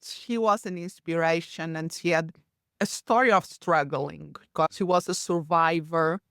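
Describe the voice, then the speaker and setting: Portuguese-accented woman, lowish voice. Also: fairly even intonation, a bit bright, dry recording, studio quality. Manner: earnest, slightly halting non-native phrasing. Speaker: podcast guest. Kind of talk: conversational storytelling.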